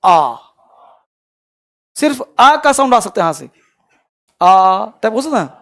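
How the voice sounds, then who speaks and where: A man's voice: high voice, lively intonation, moderate pace, a bit bright. A man teaching an online English class in Hindi, asking his students questions and answering them himself. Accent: Bhojpuri-region Hindi.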